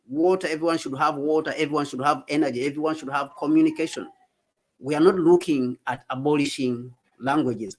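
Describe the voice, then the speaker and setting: Man from South Africa, livestream co-host, emphatic, repeats points, mid-pitched voice. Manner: emphatic, repetitive, rallying tone. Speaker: co-host of a Pan-African talk stream. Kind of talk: impassioned political commentary.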